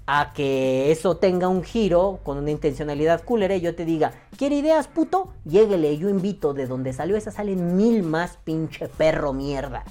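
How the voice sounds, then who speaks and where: A woman's voice: deep voice, moderate pace, hardly any pauses, mellow, soft background music. A woman with a Mexican accent hosting a podcast, reading listener comments and answering them in a profane, joking way. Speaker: podcast host.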